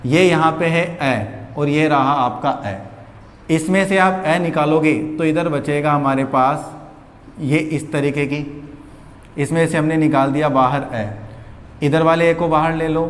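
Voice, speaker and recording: Male teacher in an echoey room. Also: a little high. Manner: patient, repeats each rule slowly, asks questions and answers them himself. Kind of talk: exam-prep grammar lesson. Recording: echoey room with long reverb.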